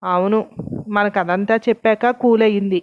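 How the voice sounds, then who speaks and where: A woman's voice: mid-range voice, fairly even intonation, moderate pace, close to an everyday voice. Brief: woman voicing a reproachful young girlfriend in an audio story, dull lo-fi sound. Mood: worried. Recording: dull lo-fi recording.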